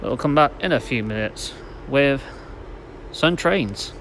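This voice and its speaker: A man's voice: medium pitch, expressive, slow pace, a bit bright. A man giving casual, matter-of-fact trainspotting commentary outdoors on a station platform, a little hesitant. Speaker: trainspotting video host. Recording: noisy outdoor station recording. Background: station and vehicle noise.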